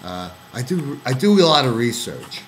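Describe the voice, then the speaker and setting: A man's voice: medium pitch, big pitch swings, moderate pace, fairly bright tone, a little hiss or hum, rough recording. A man from Pennsylvania co-hosting a casual chat, rambling and restarting his sentences with lots of fillers. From Pennsylvania, USA. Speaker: co-host.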